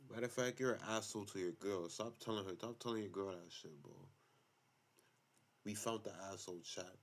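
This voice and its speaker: A man's voice: on the low side, a little fast. A man giving casual reaction commentary on online stories, blunt, slangy and profane.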